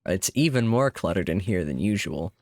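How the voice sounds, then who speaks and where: A man's voice: sits low, expressive, moderate pace, a little mellow, no room sound. A man chatting casually on his live stream, rambling with small laughs, his voice a little sick and tired. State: sick and slightly hoarse, tired. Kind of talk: casual live-stream chat while gaming. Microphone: desk microphone.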